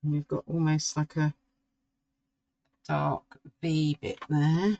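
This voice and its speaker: Unhurried art tutor, a woman, gravelly and musing aloud as she works. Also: low voice, little pitch movement, dark tone, muffled recording. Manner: slow, musing, talks to herself while drawing. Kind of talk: relaxed painting tutorial.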